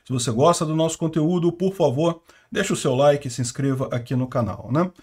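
A man's voice: a little high, brisk, a little mellow, husky. A man from Brazil hosting a news commentary on the war, talking informally and with strong opinions, often ending sentences with a questioning tag. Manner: informal, opinionated, frequent "né?" tags. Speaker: host of a war news channel. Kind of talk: news commentary over a map.

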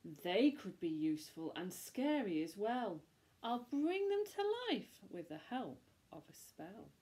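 A woman voicing a fussy, bossy old witch who talks in a squeaky, snappish way. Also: big pitch swings, unhurried, a little mellow, slight background noise. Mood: fretful. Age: older.

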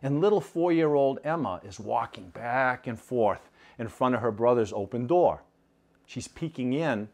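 A man telling a story in an animated, conversational talk, often asking the listener "right?". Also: mid-range voice, a little slow, gravelly. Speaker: speaker.

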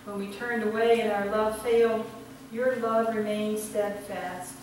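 A woman's voice: medium pitch, little pitch movement, darkish tone. Older woman pastor in cathedral-like echo. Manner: measured, solemn recitation in short phrases. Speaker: pastor leading a church service. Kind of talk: prayer and communion liturgy. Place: church sanctuary, indoors at the altar. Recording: very echoey church, distant mic, background noise.

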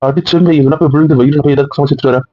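Young guy nagging his wife super fast, kinda high voice, dull dry audio. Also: steady tone, dry recording. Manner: scolding, teasing, rapid-fire questions. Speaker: husband in a couple vlog skit. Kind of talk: casual couple banter.

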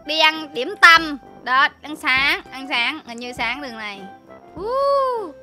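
A woman's voice: high-pitched, unhurried, bright, forceful tone, soft background music. A young woman playing a cheeky employee in playful gameplay banter, whiny and teasing with dramatic exclamations. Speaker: gaming channel co-host playing the employee.

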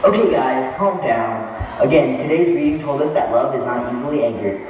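A man's voice: mid-range voice, animated, moderate pace, darkish tone, natural voice. A young man playing an earnest, preachy support-group leader in an amateur stage skit. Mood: calming, preachy. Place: large event tent stage, distant camera. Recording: echoey tent stage from far off, faint noise.

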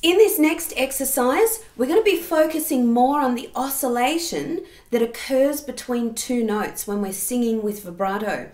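A woman's voice: sits high, animated, moderate pace, hardly any pauses, darkish tone. A woman giving a singing lesson, explaining technique and demonstrating sounds. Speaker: singing teacher. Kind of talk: vocal lesson. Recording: roomy echo.

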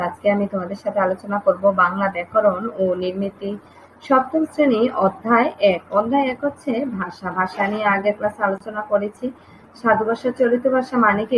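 A young woman, an assistant teacher, giving an online grammar lesson and slowly dictating examples one word at a time. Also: fairly high pitch. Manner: slow, deliberate dictation of examples. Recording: dull lo-fi sound with faint noise.

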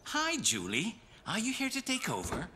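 An actor playing a gentle, obliging older man, a kindly babysitting neighbour in a children's cartoon. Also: high-pitched, huge pitch swings, normal speed, slight background noise, exaggerated voice. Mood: friendly. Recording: music bed under the voice.

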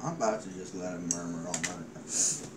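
Young guy with a lowish voice, slangy casual talk, lots of noise on the phone video. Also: steady tone, normal speed. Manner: informal, slangy. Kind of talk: casual chat. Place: small dim bedroom indoors. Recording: noisy phone recording in room.

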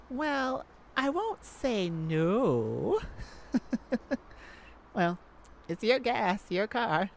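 A woman voices a playful, shyly romantic lady thief for an ASMR roleplay, her tone teasing and hesitant and punctuated by soft laughs. She speaks on the high side, very animated and exaggerated, drawing out words and pausing often. There's music behind her and slight background noise.

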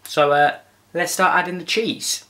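A little slow but sharp-toned, the fairly high voice of a young man carries a playful, cheeky cooking vlog filmed in his small home kitchen. A home camera placed a short way off records both him and clear background noise.

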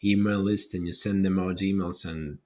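A man in his thirties giving a plain, practical screen-share software tutorial, with small grammar slips, recorded at his desk by webcam. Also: sits low, fairly even intonation, normal speed. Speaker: tutorial host. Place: indoor room, webcam overlay.

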